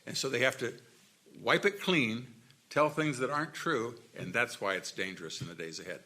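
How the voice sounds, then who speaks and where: A man's voice: medium pitch, moderate pace, bright, forceful tone. A man speaking at a forum panel, answering questions in an emphatic, plainspoken way. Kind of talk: panel remarks.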